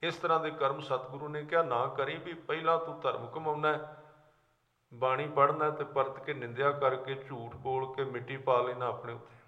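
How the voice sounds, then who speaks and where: A man's voice: mid-range voice, little pitch movement, normal speed. A man giving a sermon who explains scripture verses line by line with everyday examples. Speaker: Sikh preacher. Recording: echoey hall, dull lo-fi sound.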